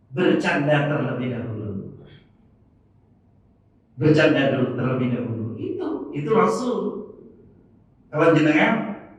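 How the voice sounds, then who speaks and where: A man's voice: sits high, fairly bright tone. A man, preaching a playful sermon in a mosque and quizzing the congregation. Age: 50s. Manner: playful, question-and-answer with congregation. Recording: echoey mosque from far off, faint noise.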